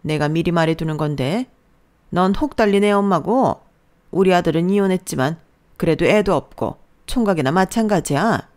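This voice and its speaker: Woman playing a nagging older mother-in-law, sneering, belittling, loud and raised in pitch, storybook dialogue. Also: expressive, moderate pace, lightly acted. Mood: scolding. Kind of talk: storybook narration with acted dialogue.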